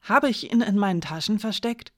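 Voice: expressive, normal speed, fairly bright tone, close to an everyday voice. A narrator voicing a gaunt male chamberlain who wails his protests, in an audiobook. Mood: whining indignant. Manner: wailing, high-strung protests.

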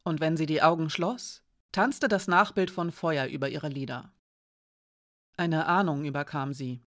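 A woman reading a story aloud in an even, measured narration. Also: low-pitched. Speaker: audiobook reader. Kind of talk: scripted narration.

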